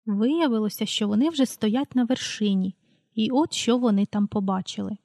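Female storybook reader, warm mellow tone, dry close sound, calm unhurried delivery. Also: medium pitch, vocal fry, dry recording. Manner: calm, unhurried reading, announces page numbers aloud. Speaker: audiobook reader. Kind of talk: storybook read-aloud.

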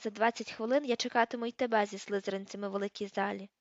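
A woman reading the part of a stern, commanding older female professor in an audiobook, giving crisp, sharp orders. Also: mid-range voice, fairly even intonation, racing, dry recording, muffled recording, lightly acted.

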